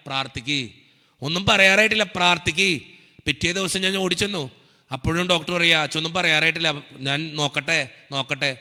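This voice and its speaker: Man, priest, Malayali accent, young adult, earnest sermon storytelling, fairly high voice, long hall reverb. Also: bright, forceful tone. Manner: earnest storytelling, acts out dialogue. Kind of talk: emotional sermon testimony.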